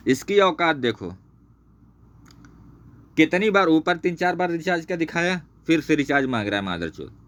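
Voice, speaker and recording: A man with a slightly high, sing-song voice and a fairly bright tone talks at normal speed, broken by long pauses. He's a channel host in a screen-share rant against a former associate: angry, relentlessly profane, and repetitive as he points things out on screen.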